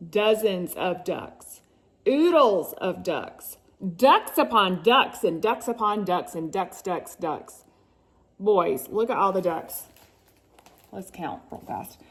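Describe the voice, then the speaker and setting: Slow and animated, a woman with a mid-range, slightly bright voice gives a dramatic read-aloud of a picture book for her sons. She builds suspense theatrically, lingers on words, and tosses in chatty asides.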